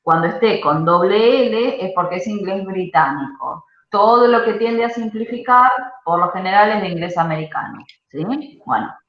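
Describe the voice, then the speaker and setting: A woman's voice: medium pitch, moderate pace, few pauses. A woman leads an English grammar class over a video call. She explains step by step and keeps asking "¿sí?" to check that her students follow. The sound is dull and echoey. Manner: explanatory, checks understanding with frequent "¿sí?". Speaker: English teacher. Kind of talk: online class lecture. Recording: muffled roomy video-call audio.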